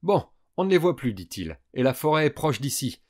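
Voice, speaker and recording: A man voicing an energetic young boy who urges his friends on. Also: medium pitch, fairly quick, pitched above the performer's own voice. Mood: urgent. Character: excited adventurous boy, leader.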